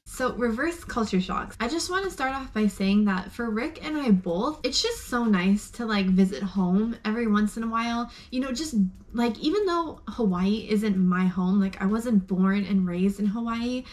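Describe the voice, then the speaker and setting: Young woman from Arizona, slightly high voice, gushing casual vlog chatter full of fillers. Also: lively intonation, normal speed, few pauses, a little mellow. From Arizona, USA. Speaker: vlogger. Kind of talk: casual chat.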